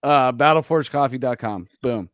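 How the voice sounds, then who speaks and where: A man's voice: medium pitch, normal speed, fairly bright tone, dry recording. Slangy Californian male podcast host, dry sound. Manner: slangy, profane bro talk. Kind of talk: casual banter.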